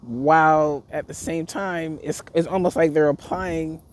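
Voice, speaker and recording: A man's voice: fairly high pitch, steady tone, unhurried, slight background noise. A man giving a reflective, rambling spiritual vlog monologue outdoors, full of fillers and restarts. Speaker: spiritual vlogger. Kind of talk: casual monologue to camera. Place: outdoors near a street with passersby.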